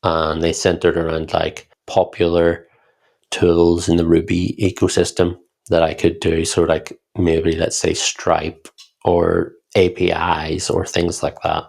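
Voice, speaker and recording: A man with a Northern Irish accent talks through his experience in a relaxed, explanatory podcast style. His voice sits low and carries a gravelly texture. The delivery stays level, with little rise and fall. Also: slow. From Northern Ireland. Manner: reflective, explanatory, steady. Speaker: podcast co-host, founder. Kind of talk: casual podcast conversation.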